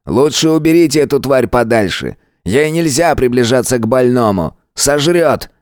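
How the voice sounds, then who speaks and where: A man voicing a cold, scornful middle-aged manipulator who speaks slowly and mockingly in an audiobook. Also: mid-range voice, expressive, darkish tone, no echo, clean studio sound, pitched above the performer's own voice, close to an everyday voice. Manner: slow, mocking, menacing.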